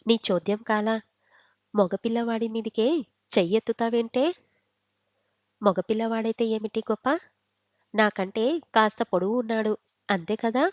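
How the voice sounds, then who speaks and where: A woman reads a family story aloud at a mid pitch, voicing each family member's lines as she narrates. Her voice is close and dry, with no room around it. The sound is a little muffled and dull. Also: a little mellow, no echo.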